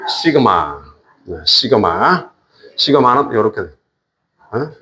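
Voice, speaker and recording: A man teaching a class, patiently repeating each word and joking with students. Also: slight background noise. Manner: slow, lively pitch, drawn-out repetitions. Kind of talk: classroom lesson.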